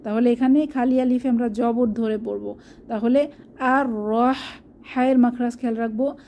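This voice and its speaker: A woman teaching Quran recitation step by step, stretching out each recited word slowly before explaining it. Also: fairly high pitch, steady tone, mellow, slight background noise. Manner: slow, drawn-out demonstration of recited words between explanations.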